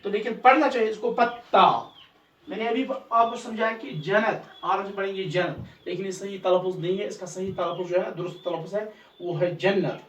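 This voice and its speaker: A man teaching an Urdu class, slowly repeating each word to drill its correct pronunciation. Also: sits high, fairly even intonation. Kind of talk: recorded pronunciation lesson. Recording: distant mic in a roomy space, faint ambient noise.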